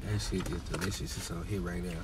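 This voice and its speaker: A man's voice: low voice, level tone, fast talker, far from the mic, background noise. Man talking with his mouth full. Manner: slangy, swears freely. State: chewing while talking. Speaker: food vlog host. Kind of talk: casual food review. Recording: voice from away from the mic, music behind.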